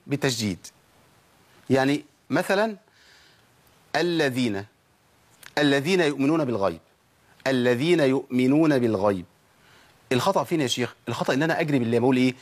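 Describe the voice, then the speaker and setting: A middle-aged man with an Egyptian accent leads a recitation lesson at a brisk clip. He keeps turning to his viewers with quick questions, his voice sitting at an ordinary pitch. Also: slightly rough. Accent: Egyptian Arabic. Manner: lively, addresses viewers directly with rhetorical questions. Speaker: Quran recitation teacher. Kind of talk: televised tajweed lesson.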